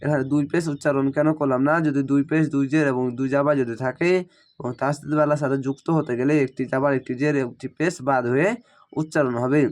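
A man teaching Quran reading, spelling each word syllable by syllable and then reciting it slowly and drawn out. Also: mid-range voice, little pitch movement, darkish tone. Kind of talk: step-by-step recitation lesson.

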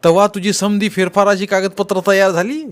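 This is a man playing a shrewd village headman who interrogates with steady, needling questions. His voice runs a bit high, with a lilt. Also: normal speed, lightly acted. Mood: probing. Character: sly accusing village headman, middle-aged man.

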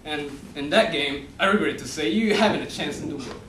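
A man's voice: on the high side, brisk, fairly bright tone, natural voice. A young man playing Death in an amateur stage play, a cunning, sardonic and gloating figure. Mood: wry, boastful. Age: young adult. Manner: gloating, sardonic, laughs often. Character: Death, a mocking, theatrical, cunning male personification. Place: indoor theatre stage. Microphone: distant camera. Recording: echoey stage, distant camera mic, noisy.

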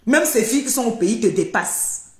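A woman's voice: fairly high pitch, lively intonation, normal speed. An older woman, ranting on a live stream, scolding and accusing and repeating her points. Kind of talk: heated live-stream rant. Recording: echoey room.

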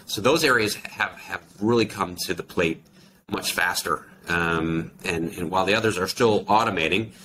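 A low-voiced American man in his forties, an account manager appearing as an industry expert guest, explains things at a moderate pace in a casual interview, piecing his thoughts together as he goes. He's on a video call from a small, plain indoor office, using his computer microphone, with background noise clearly audible.

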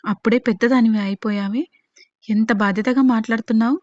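A woman's voice: on the high side, fairly even intonation, fairly quick, darkish tone, no echo, close to an everyday voice. A woman reading as a sorrowful young pregnant woman. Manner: sad, pleading. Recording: dull, dry lo-fi voice recording.

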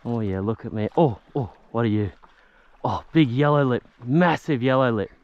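Excitable man talking to fish. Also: mid-range voice, moderate pace, no echo, muffled recording. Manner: exclamatory, talks to the fish. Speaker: fishing vlogger. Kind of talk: excited fishing commentary. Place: outdoors on a paddle board at sea.

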